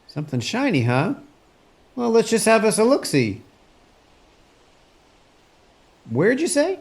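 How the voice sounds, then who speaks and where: An actor playing a kindly, plain-spoken country rancher in a family drama, talking in a folksy old-prospector way. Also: male voice, high voice, wildly swooping pitch, moderate pace, husky, full character voice. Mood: folksy wonder. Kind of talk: acted family film dialogue.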